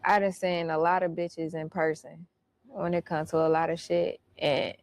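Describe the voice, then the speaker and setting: A woman's voice: lowish voice, flat delivery, moderate pace, darkish tone. A woman telling a personal story in casual, blunt, profane street slang. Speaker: storyteller recounting her experience.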